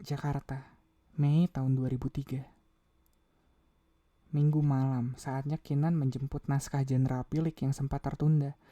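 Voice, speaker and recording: A man calmly reading a novel aloud on a live stream, unhurried narration. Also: medium pitch, dry recording, highs cut off. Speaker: reader.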